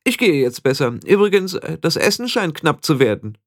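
Vain young witch girl, high and boastful, read by a man, lively, dry sound. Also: normal speed, dry recording. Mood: proud, anxious. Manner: high, boastful, near tears.

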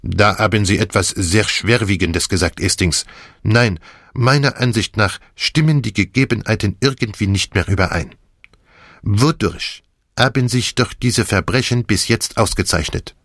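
Man doing a fussy older detective, theatrical, French phrases, lifted from a low voice, dry audiobook recording. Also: moderate pace, no room sound. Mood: earnest reasoning. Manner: sprinkles French phrases, dramatic, animated. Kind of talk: audiobook character voice.

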